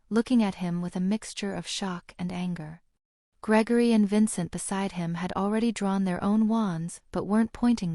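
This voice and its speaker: A woman reading an audiobook in a steady, even narrating voice. Her tone is mellow and dark. The recording is close and dry, with no room sound. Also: medium pitch, no echo. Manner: steady, even storytelling delivery.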